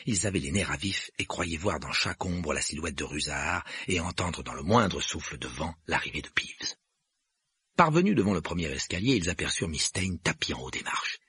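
Expressive, husky male audiobook narrator. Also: a bass voice, moderate pace, dry recording. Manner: expressive storytelling. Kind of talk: scripted narration.

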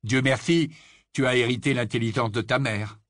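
A man's voice: mid-range voice, steady tone, moderate pace, a bit bright, dry recording, studio quality, close to an everyday voice. A man voicing a joking, teasing father in an audiobook reading. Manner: joking, sheepish. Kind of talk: audiobook character voice.

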